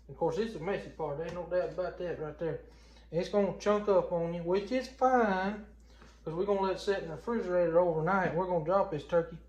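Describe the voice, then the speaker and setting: A man's voice: fairly high pitch, a little mellow, dull audio. A middle-aged man with a Southern US accent, chatting casually and folksily as he gives a plainspoken cooking how-to. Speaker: home cooking vlogger. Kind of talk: casual how-to chat to camera. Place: home kitchen, indoors. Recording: roomy indoor home recording.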